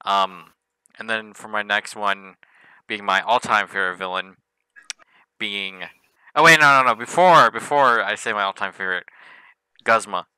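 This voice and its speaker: A man's voice: lowish voice, moderate pace, pauses often, sharp tone, smooth, dry recording, low-quality recording. A man chatting casually on a voice call, rambling and giggly, with frequent restarts and swearing.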